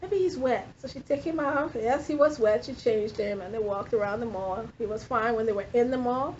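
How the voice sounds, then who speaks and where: A woman in her fifties giving a lively classroom lecture, quizzing her students as a nursing instructor. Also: a little high, a little fast. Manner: animated, questioning the class. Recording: dull lo-fi classroom recording with faint noise.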